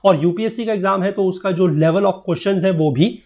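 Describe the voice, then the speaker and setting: A man's voice: sits high, moderate pace, darkish tone. A man teaching a geography lesson for exam preparation, explaining patiently and often checking that students follow. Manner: explains patiently, checks understanding with tag questions; mixes English textbook lines into Hindi explanation. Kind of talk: exam-prep lecture.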